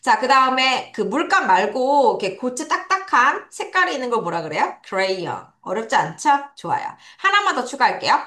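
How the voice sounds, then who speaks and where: Lively, bright-voiced woman English teacher. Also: high voice. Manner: asks questions and answers them herself, drills words by repetition; spells words letter by letter, slow drawn-out model pronunciation. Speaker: English teacher at a private academy. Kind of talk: online vocabulary lesson for children.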